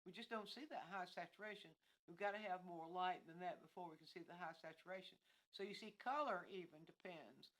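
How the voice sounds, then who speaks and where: A woman's voice: on the low side, low-quality recording. An older woman teaching a painting lesson on a livestream. She speaks unscripted, thinking aloud with many restarts and self-corrections, outdoors with fallen leaves behind her. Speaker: art instructor.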